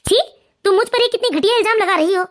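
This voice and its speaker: A smug, sleazy son-in-law in a cartoon, voiced by a woman. He talks quickly in a very high voice and mocks others with open scorn. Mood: self-righteous. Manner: smug, mocking. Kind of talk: cartoon voice acting.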